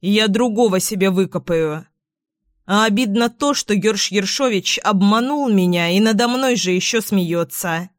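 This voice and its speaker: A hot-tempered little sparrow , put on by a woman reading a fairy tale, rants about being cheated. He shouts his grievances in slow, heated phrases. The sound is dry and close. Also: mid-range voice, no echo, lightly acted. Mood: indignant. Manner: angry shouting, indignant complaining.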